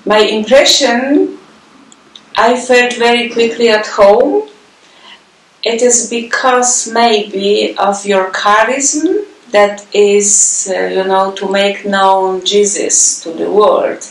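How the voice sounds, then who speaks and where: Slow-speaking Polish nun, distant roomy sound. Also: female voice, mid-range voice. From Poland. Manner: careful, with pauses and uhs. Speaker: religious sister and facilitator. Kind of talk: recorded video message. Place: sitting room with plant and map, indoors. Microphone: far camera. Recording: roomy audio from a distant camera.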